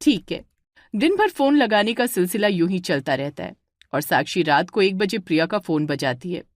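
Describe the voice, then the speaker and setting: A woman telling a bedtime story in an even storytelling manner. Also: fairly low pitch, normal speed, no echo. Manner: even, storytelling, voices all roles. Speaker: narrator. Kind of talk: scripted storybook narration.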